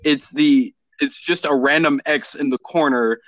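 A man's voice: a little high, fairly even intonation, measured pace, fairly bright tone, no echo, poor audio. A man organizing an improv session on a call, hesitant and flustered. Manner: hesitant, flustered, lots of fillers. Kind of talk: improv comedy over a call.

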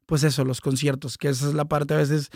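A man's voice: fairly high pitch, level tone, a little fast, gravelly, a little mellow, no echo, studio quality. A young man with a Mexican accent, hosting a casual podcast interview with eager, slang-filled interjections. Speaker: podcast host.

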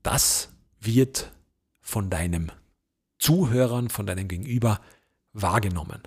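Gravelly husky man coaching voice technique. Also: on the low side. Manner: emphatic, animated stresses, slows down to stress key points. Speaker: event host and speaking coach. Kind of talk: instructional talk on voice technique.

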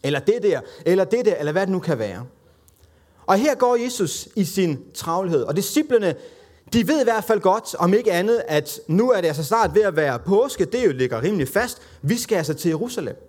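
A man with a high voice preaches in a loose, conversational way. He pokes fun at himself and slips into the voices of the people in the story as he retells it. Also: big pitch swings, darkish tone. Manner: conversational, self-deprecating, acts out quoted voices. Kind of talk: sermon.

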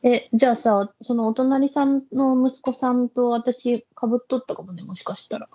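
A young woman talks casually in a mellow, husky voice, chiming in often with short responses. The sound is slightly dull and lo-fi. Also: on the high side, steady tone, moderate pace. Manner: attentive listener, frequent short backchannels. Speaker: podcast co-host. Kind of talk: casual chat.

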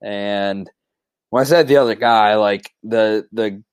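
A man's voice: on the low side, slow, smooth, no room sound. A man on a podcast telling a story in casual chat, rambling with lots of fillers and restarts and swearing freely. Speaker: podcast co-host.

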